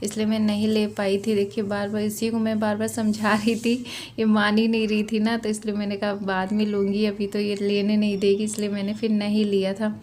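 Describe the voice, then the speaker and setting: A woman's voice: medium pitch, completely flat delivery, fairly quick, a little mellow, slight background noise. A woman vlogger and mother narrating her mall shopping trip in a chatty, repetitive way, often ending phrases with tag questions. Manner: chatty, repeats herself, frequent tag questions. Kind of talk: casual vlog narration over shopping footage.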